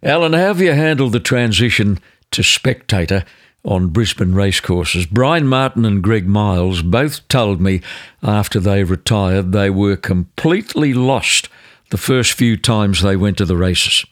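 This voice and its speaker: Animated, low-voiced Australian podcast host. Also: male voice, no echo, studio quality. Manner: measured, articulate broadcaster delivery. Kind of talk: polished scripted introduction and interview.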